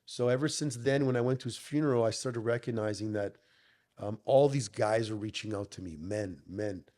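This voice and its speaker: Middle-aged gym owner, plain-spoken, lots of swearing, slightly low voice; casual podcast storytelling. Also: male voice, moderate pace, mellow. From Canada. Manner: blunt, swears often, says "bro".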